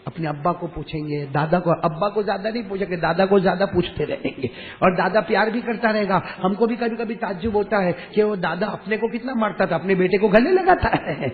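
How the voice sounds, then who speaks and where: A man's voice: high voice, few pauses. A man preaching a sermon, telling a story dramatically with rising, emotional peaks. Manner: dramatic, voices the characters, builds to loud emotional peaks. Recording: tinny lo-fi recording in a reverberant hall.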